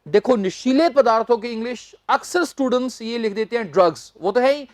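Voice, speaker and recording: A woman teaching English newspaper vocabulary, speaking deliberately and spelling words out letter by letter. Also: fairly high pitch, expressive, a little mellow, no echo, studio quality.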